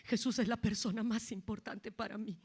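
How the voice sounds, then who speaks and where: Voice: medium pitch, fairly even intonation, moderate pace, husky. A preacher voicing a woman prisoner who is the mother of a young girl, in a sermon story. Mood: resolute.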